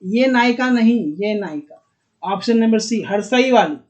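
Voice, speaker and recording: A man's voice: sits high, normal speed, darkish tone, muffled recording. A man with a Bihari Hindi accent teaching an exam-prep lesson online, repeating words and coaxing students with questions.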